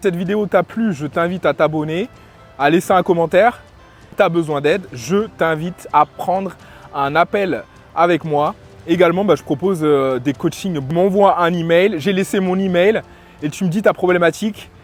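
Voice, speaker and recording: Faint music plays behind a high-pitched French man, a lifestyle and dating coach, as he gives casual opinions in a vlog. He speaks haltingly, leaning on fillers and restarts.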